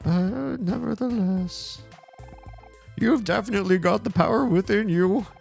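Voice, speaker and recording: A man voicing a goofy, excitable clownish space ferryman in a video game, silly, theatrical and over-enthusiastic. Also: sits high, measured pace, vocal fry, breathy edge, soft background music, pitched above the performer's own voice, full character voice. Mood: proud, encouraging.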